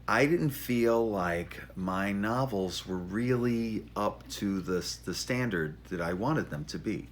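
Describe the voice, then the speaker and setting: This middle-aged man, an author presenting his memoir, speaks in a fairly low, slightly bright voice. His informal storytelling monologue is wry and self-deprecating, delivered in fits and starts.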